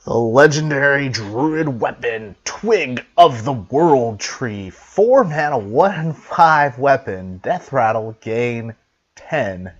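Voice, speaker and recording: A man talks through game cards in a casual, chatty review, dropping the odd swear word. His pitch swings up and down a lot as he talks. The recording is dull and lo-fi. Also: lively intonation, slow pace. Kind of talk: casual card review commentary. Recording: dull lo-fi mic.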